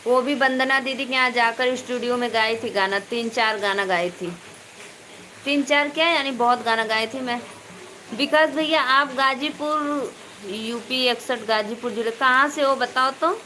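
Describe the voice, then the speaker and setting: A woman from eastern Uttar Pradesh with an Awadhi-tinged Hindi accent, hosting a casual live stream, chatting with viewers by name and speaking loudly over rain. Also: a little high, measured pace, low-quality recording. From eastern Uttar Pradesh, India. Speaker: live stream host and folk singer. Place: indoors at home during heavy rain. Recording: faint background noise of rain.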